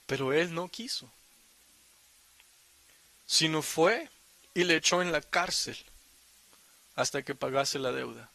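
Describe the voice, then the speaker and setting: A man's voice: on the high side, takes it slowly, vocal fry, long pauses, pushed and bright. A man preaching a sermon in Spanish, reading scripture aloud and explaining it with emphatic asides and rhetorical questions. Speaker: pastor.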